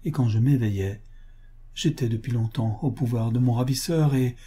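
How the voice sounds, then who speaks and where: A heartbroken young bride, trembling and pleading through her grief, as a male audiobook reader puts her on. The voice is dark and mellow with a husky edge. It rises higher than the reader's own voice when she cries out. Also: normal speed, lightly acted. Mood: distraught. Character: grief-stricken young woman, sobbing bride. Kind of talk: audiobook character reading.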